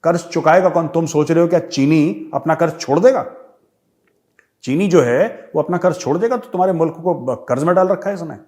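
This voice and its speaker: A man hosting a Hindi political commentary show in a sarcastic, mocking, animated way. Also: fairly high pitch, brisk. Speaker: host, retired army major.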